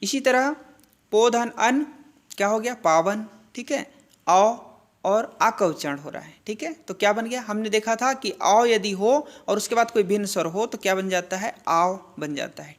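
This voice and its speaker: Woman teacher going through grammar slowly, keeps asking "what did it become?" and answering it, lots of little "ok?" tags. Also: medium pitch. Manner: asks and answers her own questions, frequent "theek hai" and "hai na" check-ins; slow, deliberate spelling-out of sounds. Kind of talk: classroom-style grammar lesson.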